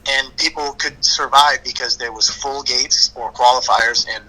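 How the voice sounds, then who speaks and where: A man's voice: medium pitch, steady tone, moderate pace, sharp tone, breathy edge, rough recording. A man, a longtime motocross racer, talking bluntly and with many restarts in a casual podcast chat.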